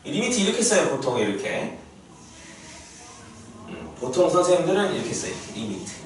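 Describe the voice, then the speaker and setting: A man's voice: fairly high pitch, normal speed. A man teaching a math lesson to a class, often checking that students follow. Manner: lively, asks students frequent check-in questions. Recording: echoey classroom from far off, faint noise.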